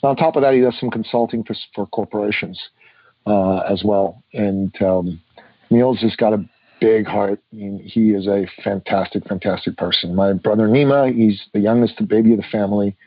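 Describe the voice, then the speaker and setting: This is a man in his fifties who grew up in Iran, speaking as a guest on a podcast. His voice sits low, and he tells his story earnestly, with many small "uh" fillers. The recording is dry and slightly muffled. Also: normal speed, no echo. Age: 50s. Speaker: guest, author. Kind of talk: podcast interview.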